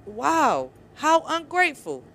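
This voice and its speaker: A woman's voice: sits high, huge pitch swings, slow pace, a bit bright. A woman vlogger, giving angry, sarcastic opinion commentary. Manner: heated, sarcastic, mocks others in put-on voices.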